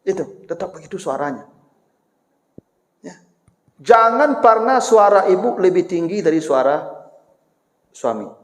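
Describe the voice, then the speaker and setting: A man with a Minangkabau accent giving a sermon in a lively, teasing manner, acting out everyday exchanges. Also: high-pitched, measured pace, long pauses. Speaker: preacher. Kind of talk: lecture-style sermon. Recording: echoey hall with long reverb.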